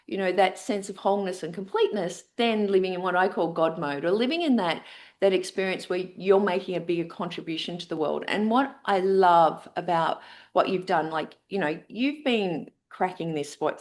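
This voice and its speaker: An Australian woman with an Australian accent hosts a podcast interview, sounding effusive and full of fillers and restarts. Her voice sits on the low side and is a little mellow.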